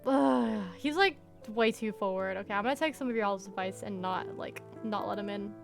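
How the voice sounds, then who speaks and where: A woman's voice: mid-range voice, normal speed, gravelly, music in the background. A woman live-streaming a visual novel, reading the story aloud and reacting bluntly, often swearing and laughing.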